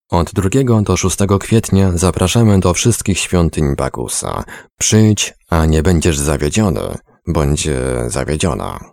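A man's voice: low-pitched, vocal fry, warm tone, no echo, full character voice. A man voicing a chirpy female TV presenter selling a festival in a storybook reading. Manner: chirping, salesy.

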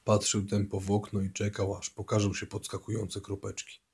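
Man, audiobook narrator, low voice, slightly husky, scripted reading. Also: completely flat delivery, normal speed, a little mellow.

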